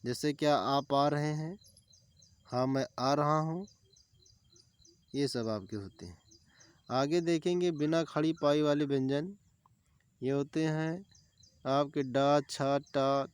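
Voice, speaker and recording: A man's voice: a little high, slow, pauses often, clean tone, no echo. A man teaching an exam-prep grammar lesson, explaining step by step and repeating key terms with lists of examples.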